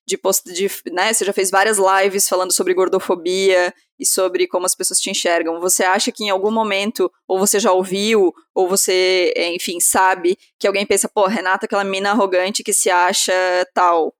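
A woman's voice: medium pitch, little pitch movement, moderate pace, hardly any pauses. Woman podcast host, chatty, long rambly questions, easygoing. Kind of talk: casual podcast conversation.

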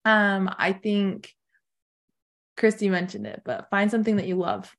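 A woman's voice: medium pitch, animated, unhurried, creaky. Encouraging woman fitness coach. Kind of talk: casual roundtable chat.

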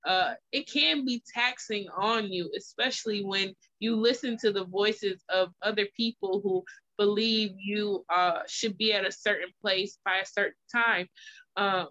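A woman's voice: mid-range voice, steady tone, a little slow, pushed and bright. A woman in her thirties hosting a podcast, speaking in an encouraging, reassuring way in a casual interview. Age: 30s. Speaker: podcast host. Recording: slightly muffled lo-fi audio.

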